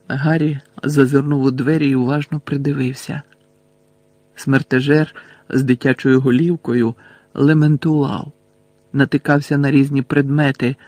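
A man reading a novel aloud in a steady storytelling manner. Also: mid-range voice, dry recording. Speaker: audiobook narrator. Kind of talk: scripted narration.

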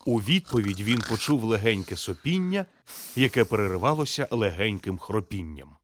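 A man narrating a children's storybook in a steady, measured, gently expressive reading. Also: lowish voice, a little hiss or hum.

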